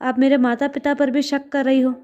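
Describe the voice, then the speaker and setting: A woman's voice: sits high, level tone, moderate pace, a little mellow, lo-fi sound, lightly acted. A woman voicing a young widowed daughter-in-law who finally speaks up firmly after staying silent. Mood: indignant. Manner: firm, indignant.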